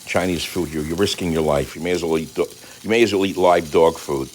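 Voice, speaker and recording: An older man talking casually while he cooks in his home kitchen, rambling and combative, swinging between calm remarks and angry outbursts. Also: deep voice, brisk, noisy background. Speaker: commentator. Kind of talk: casual monologue while cooking.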